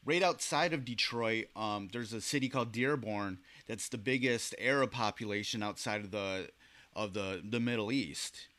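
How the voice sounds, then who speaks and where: A man's voice: lowish voice, moderate pace, a bit bright. A man interviewing a guest in a casual chat, leaning heavily on "you know" and "like" as he frames his questions. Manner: leans on "you know" and "like" fillers. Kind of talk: casual conversation.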